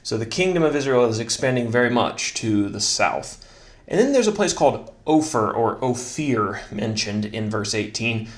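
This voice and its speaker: A man giving a casual Bible study lesson in a relaxed, self-deprecating way, joking about his own slips. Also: on the low side. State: slightly out of breath.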